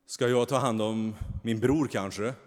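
A man reading a storybook and voicing the boy Cain, shrill and indignant, close to shouting, with a long hall reverb. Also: fairly even intonation, lightly acted. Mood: sullen. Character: angry defiant young male Cain, a boy.

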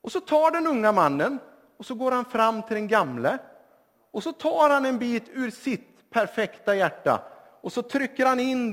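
A male preacher tells a story to his congregation with a high, animated voice that swings widely in pitch. His words carry a long reverb in a church hall. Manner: lively storytelling, addressing the congregation. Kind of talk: sermon.

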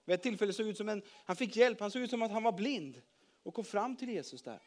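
A man telling a Bible story to children in a lively way, drawing the listeners in. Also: high voice. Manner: lively, involves the audience.

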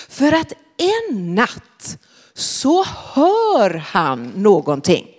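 A woman telling a Bible story to children in a large hall, often asking them questions. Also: a little high. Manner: animated, questioning the listeners.

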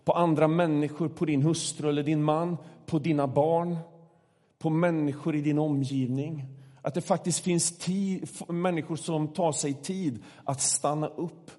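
A middle-aged man gives a calm, unhurried sermon, pausing as he builds each point. His voice is mellow and dark. It rings out with the long reverb of a church hall. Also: on the high side. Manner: calm, measured preaching with slow pauses. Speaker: preacher.

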